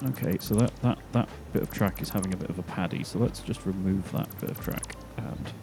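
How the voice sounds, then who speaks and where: A man's voice: low-pitched, brisk. A man chatting playfully while playing a building game with a friend. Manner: chatty, playful, self-mocking. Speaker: co-host and player. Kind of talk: casual gameplay chat. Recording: noisy background.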